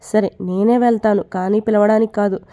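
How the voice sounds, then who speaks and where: A woman voicing a calm, patient young husband who speaks in a measured way. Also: mid-range voice, close to an everyday voice. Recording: dull lo-fi recording.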